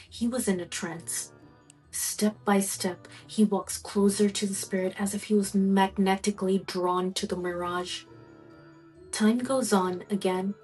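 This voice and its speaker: Female storyteller, middle pitch, suspenseful fireside telling, soft music underneath. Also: rough recording. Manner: slow, suspenseful storytelling with drawn-out pauses. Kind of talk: spooky folk tale narration.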